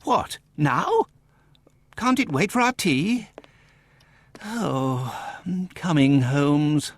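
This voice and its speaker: Doctor Watson, very animated English gentleman. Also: a little high, very slow, dry recording, exaggerated voice. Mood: questioning, exasperated. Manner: formal, expressive. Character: Doctor Watson, earnest excitable English gentleman physician sidekick. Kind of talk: video game cutscene acting.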